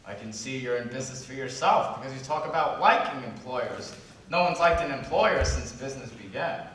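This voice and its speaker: An actor playing a dry, wisecracking servant who is cynical about employers, in a live stage play. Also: male voice, medium pitch, expressive, fairly quick, a bit bright, a little hiss or hum, natural voice. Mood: wry. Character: wry sardonic male servant, cynical about bosses. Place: theater stage. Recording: echoey hall, taped from far off.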